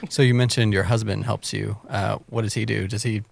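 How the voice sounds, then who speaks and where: A man's voice: lowish voice, steady tone, brisk, vocal fry. A man hosting a podcast interview, asking questions and encouraging his guest. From United States. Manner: encouraging, many affirming mm-hmms. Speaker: podcast host.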